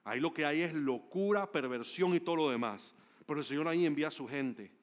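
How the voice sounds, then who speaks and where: A man preaching a sermon as pastor, telling stories with animated emphasis and swinging between loud declarations and hushed asides. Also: on the high side, fairly quick. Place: church service.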